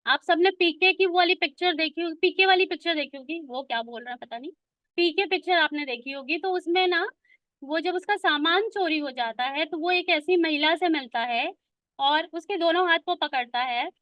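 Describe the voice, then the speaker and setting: High-voiced woman giving spiritual advice. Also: normal speed, no room sound, dull audio. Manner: explanatory, conversational, mixes English words into speech. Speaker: spiritual speaker. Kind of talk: reflective spiritual talk.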